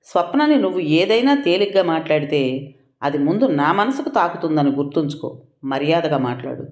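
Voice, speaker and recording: A narrator voicing a young husband who speaks in a firm, measured, resolute way, recorded with a roomy echo. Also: medium pitch, very animated, a little mellow, close to an everyday voice. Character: firm young husband defending his wife.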